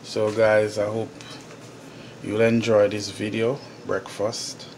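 A Jamaican man hosting a casual home cooking vlog, talking viewers through each step in his kitchen with a relaxed manner. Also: lowish voice, slow, slight background noise. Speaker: home cooking show host. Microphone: phone camera held over the stove. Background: pots boiling and sizzling.

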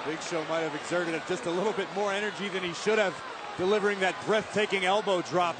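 High-voiced, emphatic male wrestling commentator. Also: quick pace. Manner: dramatic, emphatic, hyperbolic. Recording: loud crowd and arena noise.

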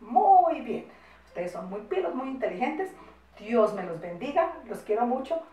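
A Colombian woman teaching young children in a lively, swooping singsong, high and expressive. She coos diminutives and drags out each word when dictating. Her voice sits back from the mic in an echoey room. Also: distant mic. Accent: Colombian Spanish. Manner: affectionate, singsong teacher talk with diminutives, slow spelled-out dictation. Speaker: primary school teacher. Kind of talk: recorded first-grade class for children.

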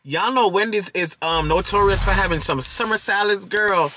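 Bright, high-voiced young man, mukbang chat. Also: normal speed, a little hiss or hum. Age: young adult. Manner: sassy, expressive, peppers talk with slang. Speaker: mukbang vlog host. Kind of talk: casual mukbang eating chat. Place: inside a parked car.

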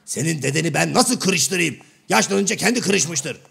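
A man voicing Karagöz, a blunt, half-deaf middle-aged male shadow-play figure who keeps mishearing and twisting his partner's words, with a gravelly, raspy voice. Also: on the high side, expressive, moderate pace, a bit bright, heavily acted. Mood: mock-innocent. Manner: mishears everything and answers with cheeky misunderstandings. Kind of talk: comic shadow-play sketch.

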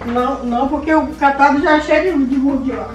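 A woman's voice: high voice, steady tone, fairly quick. A woman, giving short, casual replies as she cooks in a home kitchen. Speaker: host's mother, cooking. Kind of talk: casual brief replies while cooking. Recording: roomy kitchen, off-mic, faint music.

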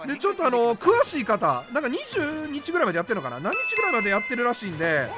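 A young man with a Kansai accent commentates his own gameplay in an excitable, high, wildly swinging voice. He talks fast and bursts into rapid repeated exclamations, with game music playing clearly behind him. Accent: Kansai Japanese. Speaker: game YouTuber.

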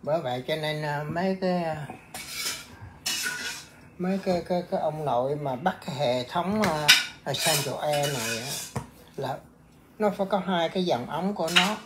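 Halting Vietnamese monk chatting. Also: male voice, fairly high pitch, very noisy. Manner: halting, many filler words and restarts. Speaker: Buddhist monk. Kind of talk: casual chat.

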